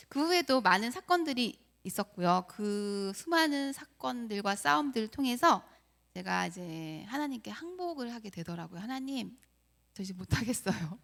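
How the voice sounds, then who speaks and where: A woman's voice: mid-range voice, vocal fry, a bit bright. A middle-aged woman preacher giving an earnest, confessional sermon, asking her listeners rhetorical questions.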